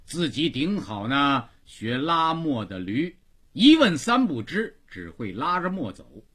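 Expressive Beijing storyteller, slow and lively. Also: male voice, a little high, slightly rough. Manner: dramatic, expressive narration. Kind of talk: scripted radio storytelling.

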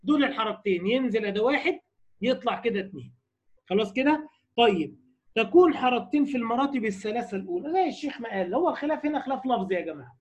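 An Egyptian Arabic-accented man teaches Quran recitation rules in a strikingly high voice. He speaks fast and keeps prodding his students with rhetorical questions. The recording sounds muffled and lo-fi. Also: lively intonation. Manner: brisk explanatory, asks the class rhetorical questions. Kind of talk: tajweed lecture.

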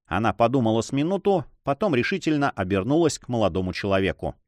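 A man reading a classic adventure novel aloud in a measured, dramatic narrator's voice. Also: medium pitch, lively intonation, a little mellow, no echo. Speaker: audiobook narrator. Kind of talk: expressive literary reading.

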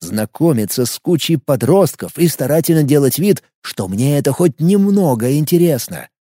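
Lively, mellow male audiobook narrator. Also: on the high side, moderate pace, dry recording, studio quality. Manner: ironic first-person storytelling.

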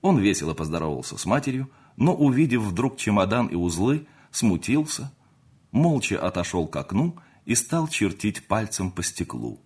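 A man with a fairly low, slightly rough voice narrates a classic novel as an audiobook, measured and expressive.

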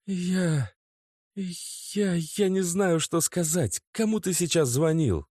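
A woman's voice: fairly low pitch, sing-song, a little slow, darkish tone, dry recording, studio quality, voice pushed up. A man voicing an angry, disbelieving young woman who snaps accusations at her boyfriend. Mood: furious. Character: young woman, quick-tempered, sharp-tongued girlfriend.

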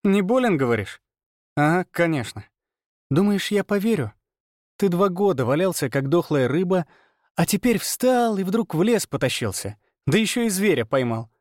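A man voicing a scornful, sharp-tongued young village girl in an audiobook. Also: sits high, very animated, a little fast, dry recording, clean studio sound, pitched above the performer's own voice. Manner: mocking, haughty.

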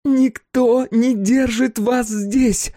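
A man playing a defiant young woman, shouting. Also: very high-pitched, fairly even intonation, extremely slow, no room sound, studio quality, voice pushed up, heavily acted. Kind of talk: audiobook reading.

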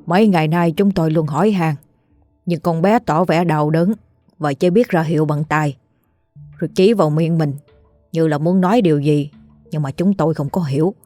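A woman's voice: low-pitched, moderate pace, mellow, no room sound, faint music behind, close to an everyday voice. Woman voicing a pitying old village man. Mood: sorrowful.

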